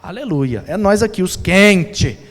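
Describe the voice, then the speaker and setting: High-voiced animated pastor in a hall. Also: male voice, unhurried. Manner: animated, playful, mimics sounds, shouts for emphasis. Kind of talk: sermon. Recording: long hall reverb.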